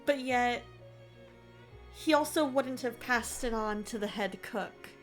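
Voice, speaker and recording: A woman hosting a casual reaction commentary, expressive and musing aloud. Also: on the high side, takes it slowly, soft background music. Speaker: host.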